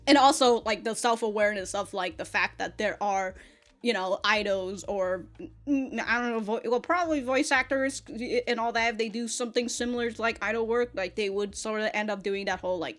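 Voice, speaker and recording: In a casual, rambling episode review, a young adult woman with a medium-pitched, slightly bright voice plays reaction host. She swears often, leans on informal fan slang, and giggles while acting out quotes from the show.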